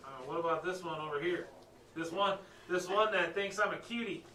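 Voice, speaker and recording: A man's voice: high voice, a little fast, pushed and bright, pitched above the performer's own voice. A man voicing a brash, flirty female tiefling mercenary, folksy and boisterous, in a tabletop game. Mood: cheeky, excited. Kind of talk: in-character tabletop role-play. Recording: echoey room, distant mic, faint noise.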